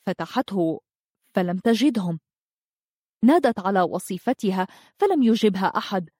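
A woman reads a dramatic novel aloud in a steady storytelling voice. Her pitch sits in the middle. The recording is dry and close. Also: moderate pace, no room sound. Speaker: narrator. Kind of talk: audiobook narration.

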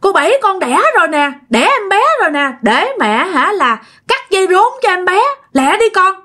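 A woman's voice: sits high, sing-song, fast, fairly bright tone, heavily acted. A woman voicing a terrified young mother seized by ghosts, pleading and frantic.

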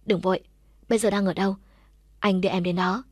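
Reassuring young boyfriend, calm, voiced by a woman reader, dry close. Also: medium pitch, fast talker, dry recording, close to an everyday voice. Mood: concerned.

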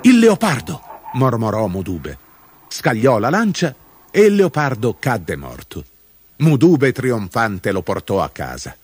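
Low-voiced man narrating a folk tale. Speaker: storyteller. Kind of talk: scripted fairy-tale narration. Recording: narration over background music.

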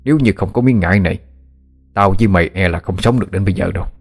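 A male narrator plays a seasoned woodsman who explains dangers in a steady, level way. The voice stays deep and low, hardly set apart from the teller's own, with faint music underneath. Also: very fast. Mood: explaining. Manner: steady, matter-of-fact, explaining. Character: seasoned man of the forest, calm and knowing.

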